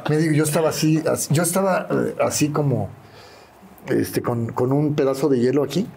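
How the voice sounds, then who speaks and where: A retired wrestler, an older man with a Mexican Spanish accent, tells anecdotes as a guest in a casual interview, voicing the people he quotes. His voice is slightly high, creaky and brisk, with background noise behind him.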